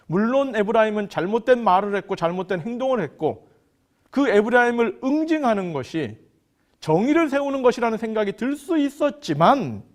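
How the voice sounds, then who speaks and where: A male pastor delivers a sermon in a fairly high voice. His pitch swings widely as he rises to acted scripture quotes and drops low for emphasis. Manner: preaching with dramatic pitch swings, quoting scripture.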